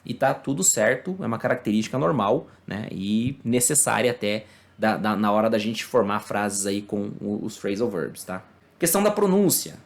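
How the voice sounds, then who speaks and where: A Brazilian man, a native Portuguese speaker, giving a casual online English lesson, explaining slowly and checking in with tag questions and fillers. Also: on the low side, animated, creaky. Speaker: English teacher.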